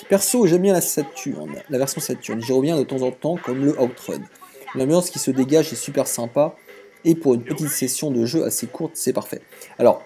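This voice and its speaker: Guy chatting casually, warm mellow voice, faint music behind. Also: fairly high pitch. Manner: relaxed, chatty, frank opinions. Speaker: retro game YouTuber. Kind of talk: casual chat reading out viewer comments.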